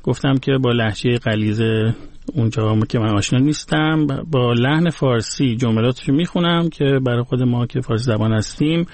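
A man's voice: medium pitch, a little mellow, no room sound. A man talking on a radio program, patiently explaining word origins one by one. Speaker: guest expert on languages.

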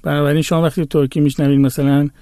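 A man whose first language is Azerbaijani Turkish speaks as a guest in a conversation. He explains patiently and works through example after example. His voice sits at an ordinary pitch and is recorded close and dry. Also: little pitch movement, warm tone, no room sound.

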